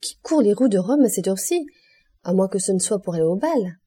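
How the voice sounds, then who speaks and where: A woman doing a gracious high-society countess. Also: expressive, a little fast, mellow, slightly rough. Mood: playful.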